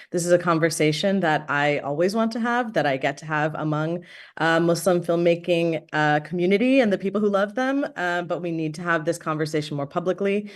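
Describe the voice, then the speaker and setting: A woman moderating a panel discussion, thanking organizers and introducing panelists with frequent fillers. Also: lowish voice.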